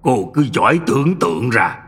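A husky-voiced man voicing a middle-aged village man who laughs off his sister's fright. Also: medium pitch, sing-song, moderate pace, a bit bright, long reverb tail, full character voice. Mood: scoffing. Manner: scoffing, teasing.

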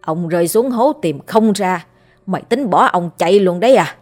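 A woman voicing a gruff old grandfather, a grave digger who scolds and curses coarsely. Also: deep voice, measured pace, a little mellow, soft background music. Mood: scolding.

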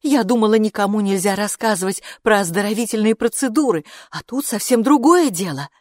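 A woman's voice: mid-range voice, fairly quick, a little mellow, no room sound, clean studio sound, pitched above the performer's own voice, natural voice. A woman reading an audiobook, voicing an indignant, worried mother who protests sharply. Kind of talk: audiobook character voice.

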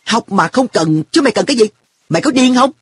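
A man voicing an earnest, quick-tempered schoolboy in a storybook reading, speaking with a raised, indignant boyish tone. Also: extremely high pitch, animated, husky, no room sound, pitched above the performer's own voice, full character voice.

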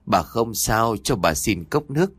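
A frightened elderly grandmother in a horror audiobook, her calls rising high and anxious, as a male narrator puts her on. She speaks in a soft, trembling way to her family. The voice stays lively in pitch and dry and close to the mic. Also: unhurried, slightly rough, no room sound. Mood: gentle elderly.

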